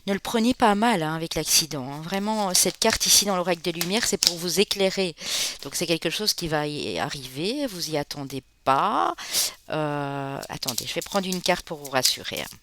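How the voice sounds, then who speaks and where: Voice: medium pitch, background noise. A card reader from the Spanish Basque Country giving a casual, chatty tarot reading, often tagging sentences with "hein" and calling listeners friends. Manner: chatty, fills pauses with "hein", calls viewers friends. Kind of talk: informal tarot reading to viewers.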